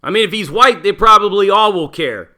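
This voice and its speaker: A man's voice: high voice, animated, a little fast, sharp tone. A middle-aged man, a former prisoner, talking bluntly in a casual monologue full of profanity and street slang. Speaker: channel host, former prisoner.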